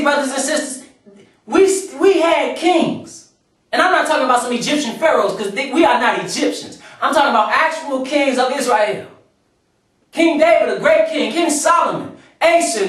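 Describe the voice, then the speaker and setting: A man's voice: very high-pitched, a bit bright. A man preaching a sermon, reading scripture aloud and explaining it, repeating phrases for emphasis. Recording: echoey room from far off.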